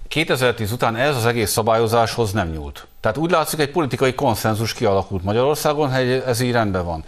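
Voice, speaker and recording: A man debating as a journalist guest on a political talk show, arguing at length with frequent fillers. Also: medium pitch. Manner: argumentative, hesitant with fillers.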